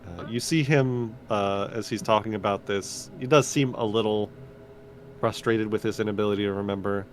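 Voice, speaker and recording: A man acting as game master, narrating a tabletop game in a measured way with frequent fillers. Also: lowish voice, fairly even intonation, a little hiss or hum.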